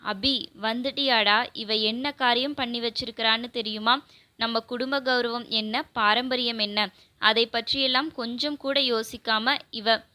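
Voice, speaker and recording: A furious, lamenting mother, as a woman reader puts her on in an audio novel. The voice is bright and a little high. It sounds close and dry. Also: fairly even intonation, measured pace, dry recording. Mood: indignant. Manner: scolding, lamenting. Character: grieving, furious middle-aged mother.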